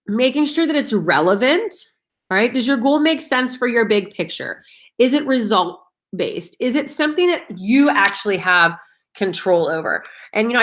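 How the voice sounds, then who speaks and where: Chatty and upbeat, this direct sales team leader, a woman in her thirties, gives her team casual coaching on setting goals and calls them guys. She has a bright, pushed, mid-range voice.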